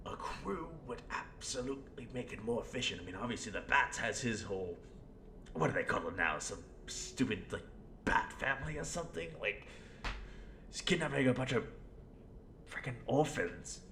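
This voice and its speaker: Man putting on a gravelly, sharp-edged Joker voice. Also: lively intonation, normal speed. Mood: mocking, indignant. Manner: rambling, sardonic, sudden swings from muttering to outbursts. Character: theatrical scheming male villain clown, erratic and persuasive. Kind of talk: in-character audio roleplay monologue. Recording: roomy echo, faint rumbling background noise.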